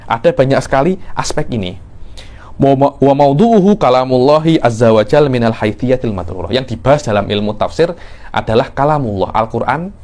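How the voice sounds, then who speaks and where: A middle-aged man teaches a religious studies class. His delivery is explanatory and unhurried, with restarts and repetitions. He lifts his voice sharply to stress key points. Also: medium pitch, lively intonation, a little mellow. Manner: explanatory, repeats words, rising emphasis on key points. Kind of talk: classroom lecture.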